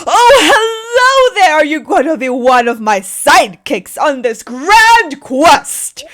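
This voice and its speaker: A woman voicing an overeager, cheerful male knight who booms out his lines, oblivious and boastful. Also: big pitch swings, slow pace, fairly bright tone, full character voice. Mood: boisterous.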